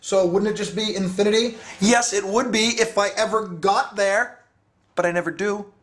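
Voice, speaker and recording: A man's voice: high-pitched, steady tone, moderate pace, fairly bright tone. A man teaching a casual math lesson, playful and jokey, thinking aloud with rhetorical questions and ums. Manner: playful, jokey, talks to students as dudes.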